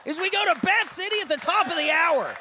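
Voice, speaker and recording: Male wrestling commentator, wildly high pitch, swooping exclamatory delivery over crowd noise. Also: lively intonation, fast talker. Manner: exclaiming, high-energy reactions. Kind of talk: excited live wrestling color commentary. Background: cheering crowd.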